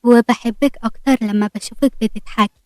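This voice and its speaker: A woman's voice: fairly high pitch, fairly even intonation, a little fast, warm tone, no room sound, lightly acted. Woman reading as a tender young Egyptian husband. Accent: Egyptian Arabic. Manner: tender, teasing. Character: young adult man, affectionate husband.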